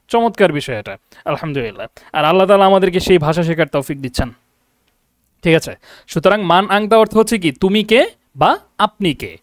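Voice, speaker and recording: A young man teaching an online Arabic class, explaining slowly and often checking that students understand. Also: high-pitched, dry recording, clean studio sound. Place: lives and teaches from abroad.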